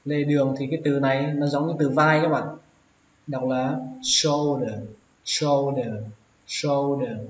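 A man's voice: medium pitch, darkish tone, a little hiss or hum. A man with a Hanoi Vietnamese accent teaches English vocabulary, patiently repeating each word several times. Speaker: English teacher, channel host. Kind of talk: vocabulary lesson. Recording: roomy, dull lo-fi sound.

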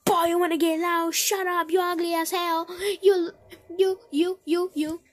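A brash, loud-mouthed toy duck, put on by a woman, fires off shouted insults in a high voice. The words tumble out and trip over their own repeats. It plays like a homemade cartoon roast. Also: fairly quick, natural voice. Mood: loud, mocking. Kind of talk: improvised toy role-play roast.

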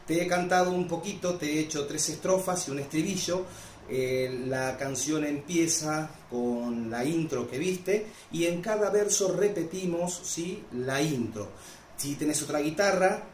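A man's voice: fairly high pitch, a little mellow, echoey room, slight background noise. A man with an Argentine accent teaching a folk guitar piece in a casual tutorial, patiently checking in with the viewer after each step. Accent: Argentine Spanish.

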